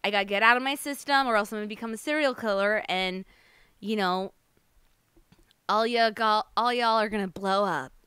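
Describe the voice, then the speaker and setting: A woman's voice: mid-range voice, normal speed, bright, forceful tone, smooth, no room sound, clean studio sound. An American woman hosting a casual solo podcast, brash, sweary and jokey, her speech slightly lisping and slurred from wearing retainers. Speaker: podcast host.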